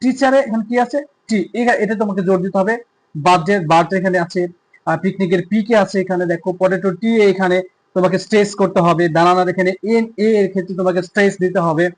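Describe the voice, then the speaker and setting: High-voiced Bangladeshi male teacher. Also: fairly even intonation, poor audio. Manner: slow, careful reading of English lines, then explaining them. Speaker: English teacher. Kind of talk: textbook lesson explained in Bengali.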